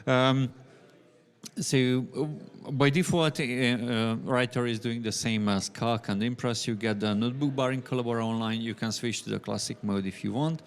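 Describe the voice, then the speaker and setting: A man from Hungary with a Hungarian accent, giving a technical conference presentation in a halting way, often pausing mid-sentence. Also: medium pitch, steady tone, clean tone. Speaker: conference speaker.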